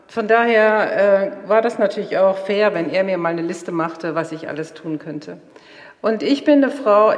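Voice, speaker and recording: A middle-aged woman telling stories from her marriage and family to an audience, acting out the quoted dialogue. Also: medium pitch. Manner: lively storyteller, acts out quoted dialogue. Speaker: speaker sharing marriage stories. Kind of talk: storytelling talk to an audience. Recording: roomy hall with long reverb.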